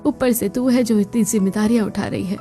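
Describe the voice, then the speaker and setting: A woman voicing a poor, weary older mother in a cartoon, soft and tired. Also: medium pitch, a little fast, soft background music, close to an everyday voice.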